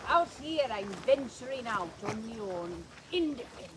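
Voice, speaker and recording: A woman's voice: a little high, lively intonation, moderate pace, a crowd in the background, lightly acted. An actress playing a cheerful, spirited young noblewoman who talks in a bubbly, playful and eager way in an outdoor stage play. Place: outdoors on a farm. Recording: noisy outdoor stage recording.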